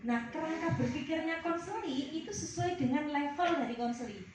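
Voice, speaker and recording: A counseling trainer gives a workshop lecture, explaining material and posing questions to the audience in a high voice with lively intonation at normal speed. The recording is echoey, picked up from a distant mic in a hall with background noise.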